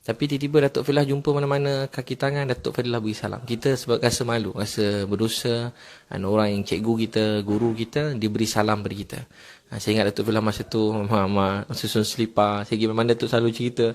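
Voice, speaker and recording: Ustaz guy preaching, low gravelly voice, tells stories and says ha a lot. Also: little pitch movement. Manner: quick storytelling with many filler "ha"s. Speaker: Islamic preacher. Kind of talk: religious talk with personal stories.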